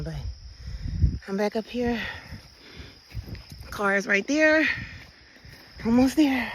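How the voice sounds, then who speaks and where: A woman's voice: mid-range voice, slight background noise, rough recording. A woman casually vlogging as she walks a path outdoors by the water, chatting straight to her viewers. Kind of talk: casual walking vlog.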